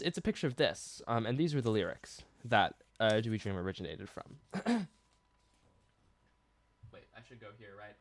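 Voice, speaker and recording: Rambling man breaking down his songs. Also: medium pitch. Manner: rambling, self-interrupting, laughs at himself; stops and restarts to play keyboard and guitar. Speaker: singer-songwriter. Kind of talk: casual song breakdown.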